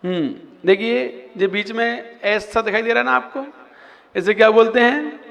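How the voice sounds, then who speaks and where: A man, a Jain monk, patiently teaching how to pronounce and chant verses, singing the lines between slow explanations. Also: very high-pitched, vocal fry, fairly bright tone, highs cut off. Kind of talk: recitation lesson. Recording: long hall reverb.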